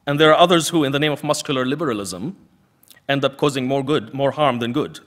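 A man's voice: mid-range voice, fast talker, fairly bright tone. Man giving an emphatic lecture. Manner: emphatic, rhetorical repetition. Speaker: panel speaker, activist. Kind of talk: prepared lecture speech.

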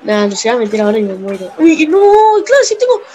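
A young woman with an Argentine Rioplatense accent, playing a football video game and chatting excitedly, swearing and yelling at the screen. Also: mid-range voice, fast, slight background noise. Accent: Argentine Rioplatense Spanish. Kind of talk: excited gameplay chat.

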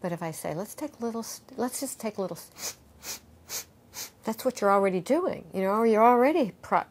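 A middle-aged woman yoga teacher speaking earnestly in an interview, walking listeners through a calming breath exercise. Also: mid-range voice, normal speed. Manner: earnest and animated, acting out panicked voices. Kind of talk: interview answer with guided breathing demonstration.

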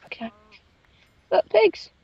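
A young woman chatting excitably as she hosts a casual gameplay let's play. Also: slow pace, no room sound. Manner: chatty, excitable, sing-song chanting. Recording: dull lo-fi mic.

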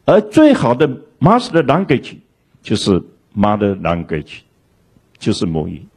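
A man's voice: lowish voice, unhurried, breathy edge. A man giving a lecture in a storytelling way, acting out the dialogue he quotes. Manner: animated, acts out quoted dialogue.

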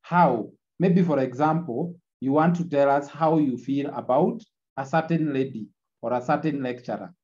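A man gives an online lecture, recorded from the video call on screen with muffled, lo-fi audio. His mid-range voice is dark and mellow at a normal speed, and he goes back over key lines repeatedly while checking in with the class using the tag "eh?".

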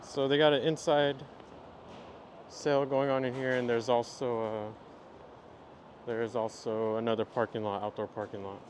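A man's voice: medium pitch, moderate pace, pauses often, a little hiss or hum. A man casually narrating as he browses stalls at an outdoor flea market, chatting about vintage finds. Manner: relaxed, chatty running commentary while browsing. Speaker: vlogger.

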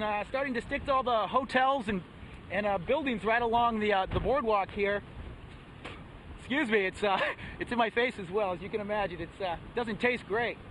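A man working as a TV field reporter, giving a halting live report outdoors in a storm. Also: very high voice, low-quality recording. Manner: hesitant, halting delivery. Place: outdoors on a seaside boardwalk in a hurricane. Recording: loud wind and surf noise. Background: wind and crashing waves.

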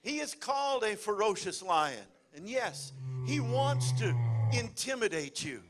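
High lively-voiced preacher man. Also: a little slow, background noise. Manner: lively preaching, calls for amen and hallelujah. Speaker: pastor. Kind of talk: sermon. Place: church sanctuary.

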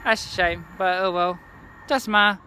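A young man vlogging on a railway platform, talking in a halting, rambling way with many restarts, into a phone held at arm's length. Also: high-pitched, fairly even intonation, bright, forceful tone, clear, resonant tone. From England. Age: young adult. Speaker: trainspotting vlogger. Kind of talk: casual handheld vlog. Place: outdoor railway station platform.

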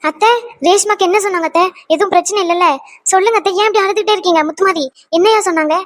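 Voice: extremely high pitch, fairly even intonation, rapid-fire, fairly bright tone. A performer voicing an anxious young wife in a cartoon who fires off worried questions. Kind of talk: cartoon voice acting.

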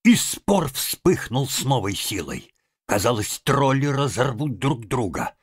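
A man reading a fairy-tale audiobook aloud with expressive storytelling. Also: medium pitch, unhurried, husky, no room sound, clean studio sound. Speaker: audiobook reader. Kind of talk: audiobook narration.

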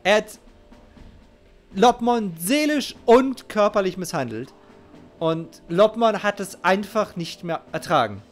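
A middle-aged game streamer with a high-pitched, expressive voice commentates casually on a game live, speaking slowly but emphatically and repeating his phrases with strong emotional investment. He's at an indoor home streaming setup, wearing a headset with a close mic, as game music plays behind him.

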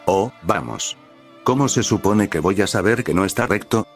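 A man's voice: on the low side, expressive, moderate pace, faint music behind. A man voicing a cocky, easily exasperated teenage boy ninja in a story reading. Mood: defensive.

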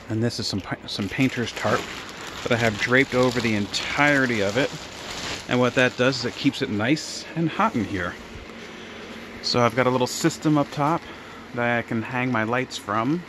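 A home gardener gives a casual, unscripted tour of his indoor basement grow room, rambling and thinking aloud as he goes. His voice is medium-pitched, with background noise in the recording.

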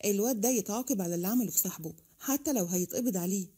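A woman's voice: mid-range voice, racing, dark tone, husky, close to an everyday voice. A woman with an Egyptian accent voicing a harsh, hot-tempered middle-aged father, angry and commanding. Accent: Egyptian Arabic.

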